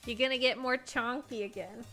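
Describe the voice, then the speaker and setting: Young female streamer, fairly high and bright, casual and giggly, doting on her pup at the mic. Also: fairly even intonation, unhurried, faint music behind. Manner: laughs often, coos praise at her dog. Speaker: live streamer. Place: at home. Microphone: desk streaming mic.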